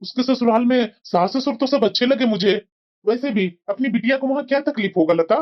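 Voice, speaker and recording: A woman voicing a calm, soothing middle-aged husband and father in a cartoon family drama. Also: on the high side, a little fast, close to an everyday voice. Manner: mild, soothing, reasonable. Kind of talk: cartoon voice acting. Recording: dull lo-fi sound.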